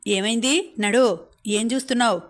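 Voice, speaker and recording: Woman reading as rough young man, bullying, commanding, flat even delivery, audiobook. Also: medium pitch, normal speed, natural voice. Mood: harsh, bullying.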